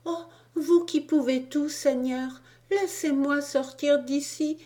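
A woman's voice: sits high, steady tone, takes it slowly, dark tone, voice pushed up. A woman voicing a grieving little boy's soul in heaven who begs to go home to his mother, tearful and pleading.

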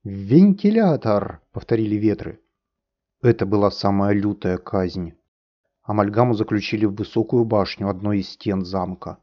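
Brief: male narrator, fairy-tale audiobook, low voice, dull lo-fi recording. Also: little pitch movement, moderate pace. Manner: theatrical, vivid reading.

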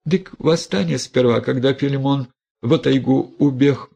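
A desperate peasant woman begging and stammering in thick rustic speech, pitched well up, as a man puts her on. There's a gravelly, husky grain beneath the wail. It plays like an audiobook character. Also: a little slow, dark tone, muffled recording. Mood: anxious confession. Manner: wailing, stammering "дык-дык", rustic dialect. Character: wailing, pleading peasant woman, middle-aged.

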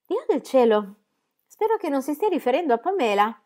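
A woman reading aloud and voicing a bold, teasing aristocratic duchess in a high, lifted voice. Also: sing-song, moderate pace, darkish tone. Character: flirtatious, laughing aristocratic duchess, middle-aged woman.

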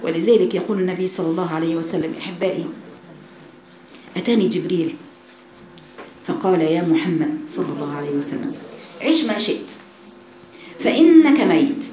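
A woman's voice: lowish voice, quick pace, long pauses, reverberant. A woman with an Egyptian Arabic accent giving a religious lesson to women, speaking to them directly and with animation. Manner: animated, addresses listeners directly. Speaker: religious teacher.

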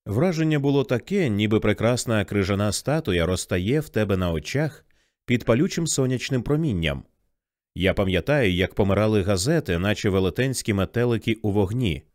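A man's voice: lowish voice, lively intonation, a little fast, a little mellow, dry recording, clean studio sound, natural voice. A man voicing a tired, bitter old male scholar who lectures ruefully in an audiobook. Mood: reflective.

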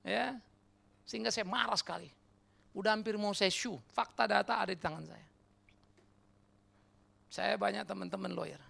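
Lively, high-voiced preacher, gravelly edges. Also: male voice, normal speed, long pauses. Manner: animated, questions the congregation directly; mixes casual slang and English words. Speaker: pastor. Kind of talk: sermon. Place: church.

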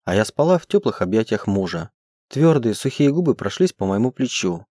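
A man reading a romance audiobook as first-person narration, in a measured, expressive way. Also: lowish voice, no room sound, clean studio sound. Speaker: audiobook reader.

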